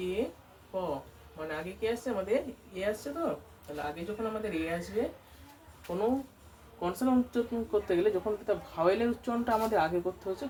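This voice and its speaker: A woman's voice: medium pitch, darkish tone. Woman tutor quizzing students, distant mic. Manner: keeps asking students questions and answering them herself. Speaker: English tutor running a coaching centre. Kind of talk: classroom grammar lesson. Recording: distant mic with faint background noise.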